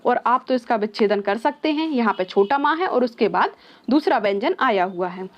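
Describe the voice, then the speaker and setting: A woman's voice: on the high side, expressive, moderate pace. A woman teaching an exam-prep lesson who mixes English words into her explanation. She asks her own questions and then answers them. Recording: slightly dull, lo-fi sound.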